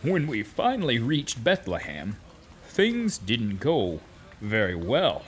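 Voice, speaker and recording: A man playing a weary, aggrieved donkey who tells his journey for a children's audio drama, with deliberate dramatic pauses. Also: mid-range voice, huge pitch swings. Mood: rueful. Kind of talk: first-person children's audio drama narration. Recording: noisy, with animal and cricket ambience.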